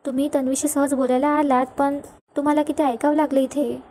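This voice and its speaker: Quick high-voiced woman recapping a serial. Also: level tone, warm tone, a little hiss or hum. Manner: retells scenes, reading characters' lines in her own voice. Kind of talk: fast storytelling recap with quoted dialogue.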